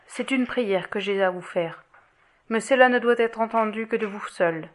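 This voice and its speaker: Gentle calm man voiced by a woman in an audiobook, soft and quiet. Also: mid-range voice, moderate pace, close to an everyday voice. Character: gentle, calm middle-aged man, grave and steady. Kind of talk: audiobook reading.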